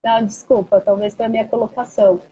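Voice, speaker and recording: Reflective woman guest, fairly high. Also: steady tone, warm tone, dull audio. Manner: measured, reflective, many fillers like "assim" and "né". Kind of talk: casual conversation.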